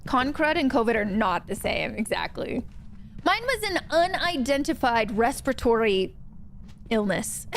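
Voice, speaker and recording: A woman's voice: a little high, a little hiss or hum. A young woman streaming a ghost-hunting game, chatting casually and greeting viewers by name. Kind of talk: casual livestream chat while gaming.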